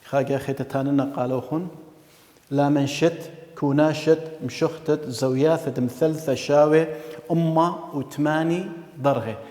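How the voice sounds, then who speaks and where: A man's voice: a little high, fairly even intonation, normal speed, darkish tone. Patient male teacher in an echoey room. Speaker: maths teacher. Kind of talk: classroom lesson.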